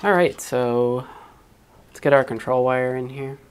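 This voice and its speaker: Speaking unhurriedly at medium pitch, with a little hiss or hum in the audio, a livestreamer builds a 3D printer in a small, hot home room. They talk casually while wiring it, muttering under their breath and occasionally swearing.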